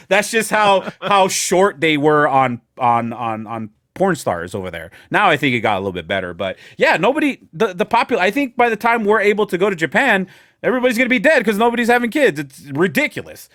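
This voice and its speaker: A man's voice: high-pitched, big pitch swings, fast, fairly bright tone, dry recording, clean studio sound. A man hosting a podcast in casual chat, rambling and joking with friends. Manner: rambling, laughing, lots of fillers and jokes. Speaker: podcast host.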